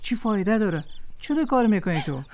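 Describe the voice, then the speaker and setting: A man with an Afghan Dari accent playing a husband who defends himself and tries to calm his wife in a drama. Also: high voice, a little hiss or hum. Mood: placating. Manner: coaxing, defensive.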